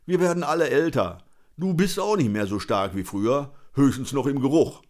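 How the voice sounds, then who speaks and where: Seasoned street cop, relaxed and good-humored, firm underneath , read by a male narrator. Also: mid-range voice, normal speed, pitched above the performer's own voice, lightly acted. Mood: teasing. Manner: good-natured, calm, matter-of-fact. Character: older easygoing police officer, good-natured but tough.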